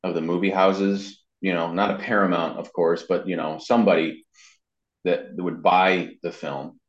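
With a low voice, level tone and moderate pace, a man chats casually as an interview guest, drifting through anecdotes about his work. He's a voice actor and web designer. Expect dull, lo-fi sound with a roomy echo.

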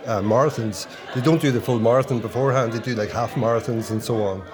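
A man with a medium-pitched voice hosts a relaxed interview. He is chatty and curious, putting casual questions and remarks to his guest. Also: fast talker, a crowd in the background. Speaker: interviewer, host.

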